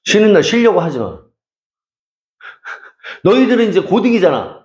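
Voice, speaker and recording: A man's voice: high voice, very animated, a little slow, reverberant, muffled recording. A middle-aged man teaching a class, teasing students and checking constantly that they follow. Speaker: math and science academy teacher. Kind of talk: classroom lecture.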